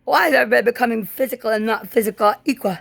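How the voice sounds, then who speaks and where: A woman giving a rambling spoken monologue in disjointed, halting, drifting phrases. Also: fairly high pitch, gravelly, no room sound.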